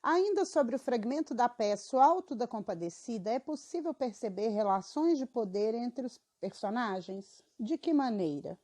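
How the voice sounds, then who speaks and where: A woman's voice: on the high side, animated, moderate pace, few pauses, dark tone. A girl of about twelve, reading school questions and her answers aloud, evenly and with small stumbles. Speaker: student.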